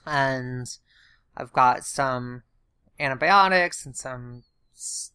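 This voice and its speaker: A woman chatting casually in a halting, self-deprecating way, her speech slightly impeded as if her mouth is sore after surgery. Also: rumbling low, pushed and bright, clear, resonant tone, dry recording. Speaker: vlogger recounting surgery recovery. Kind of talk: casual chat, personal video diary.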